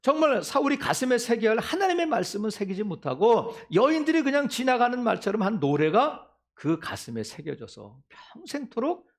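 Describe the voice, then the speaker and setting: A male pastor preaching a sermon in an animated way, acting out quotes from scripture. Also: sits high.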